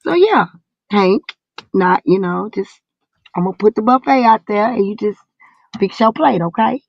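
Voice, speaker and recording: Her mid-range voice is creaky and expressive at normal speed: a forties-aged woman from the Southern US, drawling through a casual group voice chat full of slang, profanity and teasing. The call audio is muffled and band-limited, without room sound.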